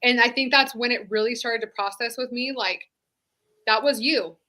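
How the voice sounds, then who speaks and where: A slightly high, pushed, bright voice at normal speed belongs to a woman in her thirties, formerly a sheriff's deputy, telling her own story as an interview guest. She speaks candidly and conversationally, filling it with "like," in casual personal storytelling.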